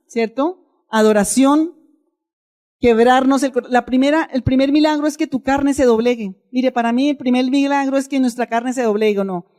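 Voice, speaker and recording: A woman's voice: fairly high pitch, a little mellow. A woman pastor giving a sermon, telling a personal testimony in a conversational, emotional way and addressing the congregation directly.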